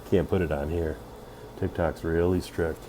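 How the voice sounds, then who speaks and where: A man's voice: low voice, dark tone, a little hiss or hum. A man in his fifties rambling drunkenly and boastfully in a casual livestream chat. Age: 50s. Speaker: livestream host.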